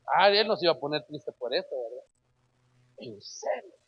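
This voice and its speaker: A husky, fairly high-pitched man preaching an emphatic sermon. He calls out to his listeners as brother and fires rhetorical questions at them. The recording sounds dull and lo-fi. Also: expressive, fast talker, faint music behind.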